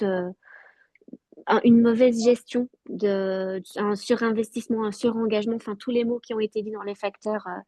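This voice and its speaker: A woman giving a halting, earnest personal testimony over a video call. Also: mid-range voice, warm tone, no room sound. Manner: halting, many fillers and restarts, earnest. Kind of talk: personal testimony in an online talk.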